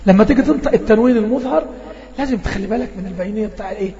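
In an online Quran recitation lesson, an Egyptian-accented man speaks in a high, warm voice that sounds slightly strained. He demonstrates words by drawing them out slowly and often checks on his students, all captured in dull lo-fi audio with lingering reverb.

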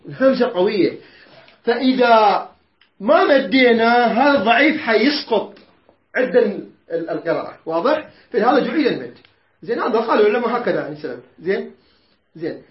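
A man teaching Quran recitation rules, explaining patiently, asking his students questions and chanting verses slowly. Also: high voice, lively intonation. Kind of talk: tajweed lesson with recited verses. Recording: echoey room, dull lo-fi sound.

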